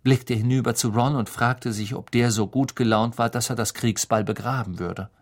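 Expressive male audiobook narrator. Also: medium pitch. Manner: measured, expressive storytelling. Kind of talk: scripted narration.

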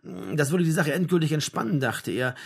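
Male audiobook narrator, husky, quick, lively intonation. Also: on the high side. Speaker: audiobook reader.

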